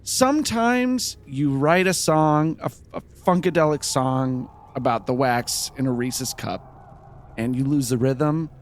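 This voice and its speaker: A man's voice: medium pitch, slow pace, natural voice. A man playing a hapless failed comedian stuck in hell, rambling and self-deprecating in an improvised comedy podcast. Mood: self-pitying.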